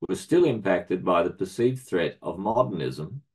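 Low-voiced middle-aged man reading a paper. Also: lively intonation. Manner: measured and formal, framing citations with quote and end quote. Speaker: research centre director presenting a paper. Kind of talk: reading a prepared academic paper aloud.

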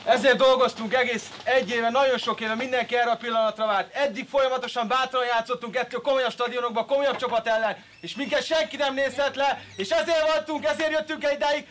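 A man forcefully urging his football teammates on in a shouted pre-match pep talk. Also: extremely high pitch, fairly even intonation, few pauses. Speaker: football player rallying teammates. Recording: noisy live room recording.

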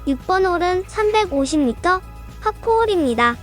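A woman narrates an amateur golf vlog in a high voice, expressive and at a moderate pace. Her commentary is scripted, polite and formal, describing each shot of the round while music plays quietly in the background.

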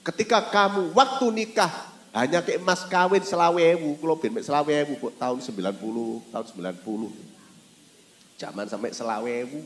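A middle-aged man with an East Javanese accent preaching a sermon, telling stories animatedly with sudden loud exclamations. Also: a little high, a little fast. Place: mosque hall. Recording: roomy hall reverb.

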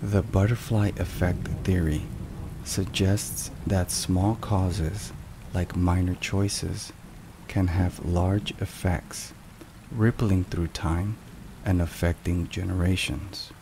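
A man with a low voice speaks slowly in hushed ASMR narration, measured and deliberate. It's a whispered, scripted devotional piece, recorded over steady rain and thunder, with a thunderstorm in the background.

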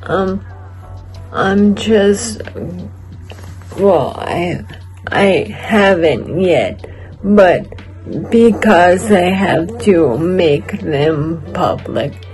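Slow, halting woman vlogger. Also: lowish voice, expressive, a little mellow, faint music behind, poor audio. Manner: halting, rambling, many restarts. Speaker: vlogger documenting her recovery. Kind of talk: casual chat to camera.

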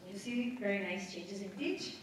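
A woman's voice: mid-range voice, lively intonation, moderate pace, heavy background noise. A woman giving a conference lecture, explaining step by step and adding tag questions as she goes. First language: Spanish. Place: conference hall. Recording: echoey hall from far off.

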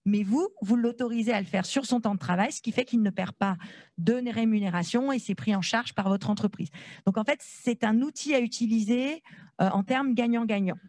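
Holding a handheld mic close to her face mask, a conference presenter gives an informal, explanatory talk in a room with a small panel on stage, sometimes rephrasing hesitantly. Her voice is a little high and slightly mellow, fairly quick, in studio-quality audio without room sound.

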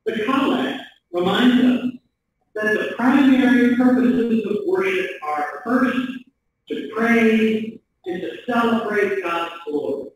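A middle-aged man, a priest, reading the gospel and preaching in a measured, deliberate way from a lectern in a church sanctuary. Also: high-pitched, background noise. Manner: measured, deliberate delivery from a pulpit. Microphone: stand mic, camera from across the room. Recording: echoey church from far off.

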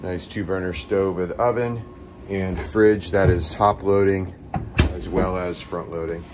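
Slight background noise accompanies a deep-voiced middle-aged man, a yacht broker, as he casually and enthusiastically tours a sailboat at a dockside boat show. He covers the outdoor deck and the cabin, with fillers scattered throughout. Someone films it on a handheld phone.

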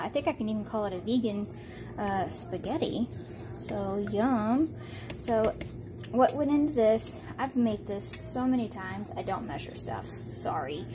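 Chatty lady doing a meal prep vlog at home, kinda high voice, lots of ums, noisy kitchen behind her. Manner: chatty, rambling, with frequent fillers. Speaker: vlogger. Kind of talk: casual cooking vlog.

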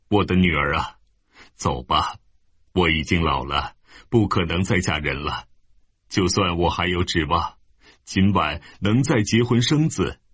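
Male reader doing a weary, grieving old widow, low and husky, barely set apart from the narration. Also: fairly bright tone, dry recording, heavily acted. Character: grieving older widowed woman, bitter and weary.

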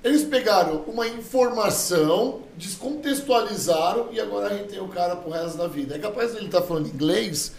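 A man's voice: sits high, expressive, a little fast, creaky, hardly any pauses, darkish tone. A man with a Brazilian accent hosting a casual podcast, talking emphatically and with a preachy edge. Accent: Brazilian Portuguese. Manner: emphatic, opinionated, sermon-like asides. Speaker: podcast host. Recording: echoey room with faint background hum.

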